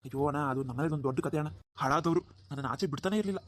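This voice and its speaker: A man's voice: on the high side, rapid-fire, lightly acted. A man voicing a stubborn, callous young village husband who drinks, in a cartoon, talking dismissively. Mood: casual. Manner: dismissive, defiant. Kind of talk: cartoon dubbing.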